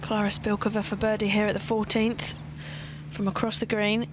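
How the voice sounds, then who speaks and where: Female golf commentator, understated and level in pitch, live broadcast with clear outdoor noise. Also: little pitch movement, normal speed. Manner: understated golf commentator delivery, brief remarks.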